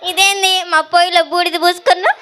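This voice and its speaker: A cheeky, simple-minded housemaid, played by a woman, who is lazy and deferential toward her mistress. She talks fast in a very high, bright voice. It is played as a comic church skit. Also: level tone, a faint crowd, a little hiss or hum. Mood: naive. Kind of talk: church Christmas skit acting.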